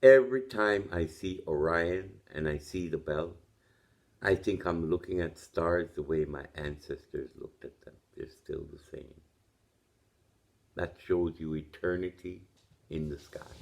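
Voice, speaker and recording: A man's voice: sits low, measured pace, gravelly, pauses often. A man with a Jamaican accent speaking without teeth, lips folding over his gums, musing and opinionated in an informal monologue full of rhetorical questions. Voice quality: toothless speech, lips folding over gums, soft consonants.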